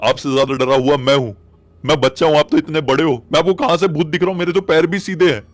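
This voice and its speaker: A man's voice: a little high, steady tone, quick pace, dry recording, voice pushed up, natural voice. A man voicing a scared teenage boy in a storybook horror tale, talking in a pleading, defensive way.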